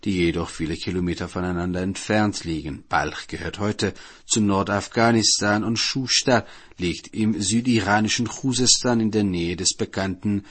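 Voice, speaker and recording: Man reading a story on the radio, steady and explaining, kinda husky low voice. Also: normal speed. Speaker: narrator.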